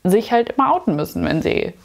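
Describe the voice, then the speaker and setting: A woman's voice: mid-range voice, sing-song, brisk, creaky. A woman in her thirties giving a casual, opinionated reaction commentary with sarcastic asides, recorded indoors in a small dim room on a clip-on mic. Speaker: YouTube commentator.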